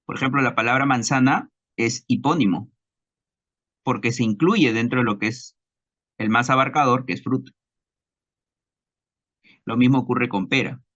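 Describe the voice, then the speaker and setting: A man with a Peruvian Spanish accent teaching a recorded class lecture, slow and deliberate, repeating examples and checking understanding with tag questions. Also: medium pitch, a bit bright, muffled recording.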